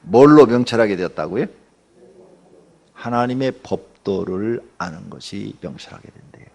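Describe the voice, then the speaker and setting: A man's voice: fairly low pitch, lively intonation, normal speed, vocal fry, a little mellow. A man preaching a dawn sermon in a church, talking conversationally, asking the congregation questions and joking. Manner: acts out everyday people in quotes, joking. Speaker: pastor. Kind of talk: early-morning sermon.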